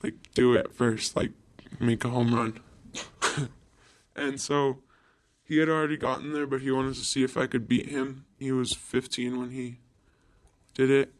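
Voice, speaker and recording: A twelve-year-old boy whose voice has been electronically lowered into a disguised deep voice, answering interview questions shyly and haltingly. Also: flat delivery. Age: 12, seventh grader. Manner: hesitant, halting, with nervous giggles. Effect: voice pitched down to a disguised deep voice. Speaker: anonymous student interviewee.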